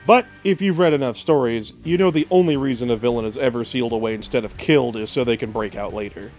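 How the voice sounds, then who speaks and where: A man's voice: medium pitch, fast talker, darkish tone. A man co-hosting with scripted narration, telling the story with a wry edge. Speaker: show co-host. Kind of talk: scripted versus-show narration. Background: faint background music.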